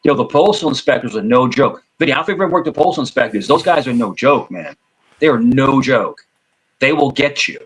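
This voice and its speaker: A man chatting casually in a group, animated and repetitive, who often slips into put-on voices. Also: mid-range voice, fairly quick, breathy edge, poor audio. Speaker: host.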